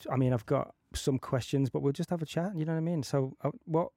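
An easygoing podcast host keeps a casual chat going with plenty of "you know" fillers and agreeing "yeah"s. His warm voice is slightly high, and he talks fast. The sound is studio quality with no echo.

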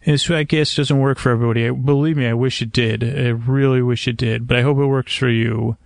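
A podcast host with a creaky voice rambles softly in a bedtime monologue meant to soothe listeners to sleep, set on a screened porch at night. He's hesitant, meandering, measured, and gently self-deprecating, speaking at medium pitch in a steady tone. The sound is clean studio audio with no room sound.

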